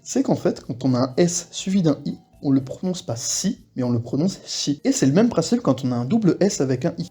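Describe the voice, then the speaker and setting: Husky-voiced man teaching a casual lesson. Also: fairly high pitch, dark tone. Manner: explains patiently, acts out short example phrases. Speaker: Korean language teacher.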